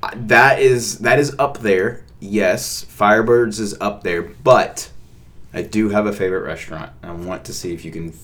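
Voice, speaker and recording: Deep-voiced rambling man. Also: normal speed, fairly bright tone. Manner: rambling, repeats words, many fillers. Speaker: podcast co-host. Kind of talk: casual couple's podcast chat.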